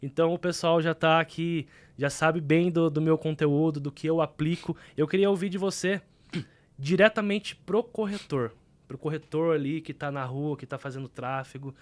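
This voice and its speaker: A man with a Brazilian accent and a fairly high voice hosts a podcast interview. He talks casually, as a broker chatting with a guest. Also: moderate pace. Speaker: podcast host and real-estate broker.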